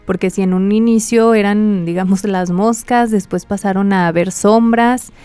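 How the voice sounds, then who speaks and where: A woman with a medium-pitched, warm and dark voice chats casually as a podcast co-host, over faint music. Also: fairly even intonation, measured pace, clean tone, no echo. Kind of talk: casual chat.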